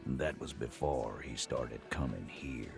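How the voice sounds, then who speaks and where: A man's voice: extremely low pitch, measured pace, creaky, exaggerated voice. An actor playing a hostile, threatening male dockworker union boss in a video game. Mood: grim. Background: game music.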